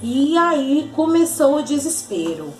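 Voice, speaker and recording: A woman, telling a Bible story to children in a slow, animated way. Her voice sits high, and the recording sounds roomy with faint music in the background. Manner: animated, affectionate, addressing children directly. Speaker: children's Sunday school teacher.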